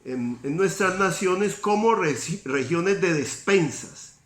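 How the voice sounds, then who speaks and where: Man, university lecturer, unhurried, tag questions, roomy echo. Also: high voice, expressive, fairly bright tone. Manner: measured, with frequent fillers and tag questions. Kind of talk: recorded video lecture. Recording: roomy echoey recording.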